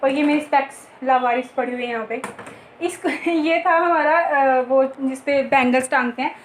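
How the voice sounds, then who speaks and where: Young woman vlogger, high voice, chatty tour of her home, echoey room. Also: moderate pace, slight background noise. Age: young adult. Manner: chatty, joking, addresses viewers directly. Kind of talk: casual home tour chat. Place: rooms of a home, indoors.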